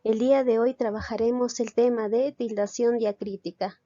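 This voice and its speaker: A woman teaches a recorded online class, explaining step by step, asking and answering her own questions, and checking understanding with a short tag question. Her voice is on the high side, mellow and steady at normal speed, captured in a dull, lo-fi, dry recording with no echo.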